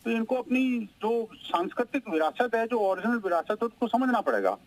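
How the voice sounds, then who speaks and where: High-voiced man arguing in a debate. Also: sing-song, normal speed, low-quality recording. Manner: emphatic, interrupts others. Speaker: panel guest. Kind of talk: heated TV debate.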